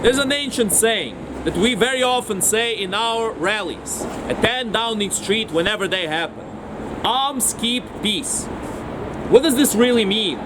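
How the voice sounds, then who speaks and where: A man's voice: high-pitched, a little slow. A man giving an impassioned, declamatory speech at an outdoor rally. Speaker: rally speaker. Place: outdoors on a city street. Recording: street noise outdoors.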